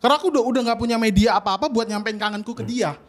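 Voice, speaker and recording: A young man with a North Sumatran Indonesian accent performs a stand-up set. His voice sits very high, and his delivery is animated, often leaping into loud outbursts. It is told as a lively comic story. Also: very fast. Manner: animated, bursts into shouts when voicing others. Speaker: stand-up comedy auditioner. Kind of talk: stand-up comedy routine.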